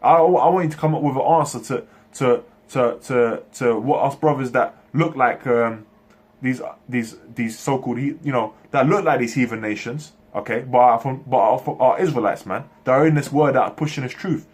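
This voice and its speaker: A man from Turkey, raised in England, preaching a monologue in halting bursts and tagging nearly every phrase with "man" or "okay". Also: mid-range voice, slightly rough. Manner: halting, frequent restarts. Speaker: religious speaker.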